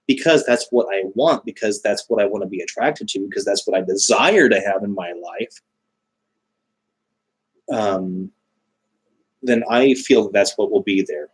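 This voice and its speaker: A man chatting casually as a livestream host, halting often as he searches for his words. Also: fairly low pitch, low-quality recording. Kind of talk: casual live chat explaining spiritual beliefs.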